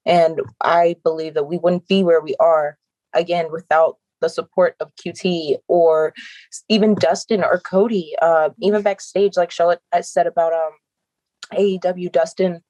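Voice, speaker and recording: A young adult woman who works as a professional wrestler talks earnestly and reflectively in a casual interview, often breaking into laughs. Her voice is on the low side and a little mellow, in a dry, low-quality recording.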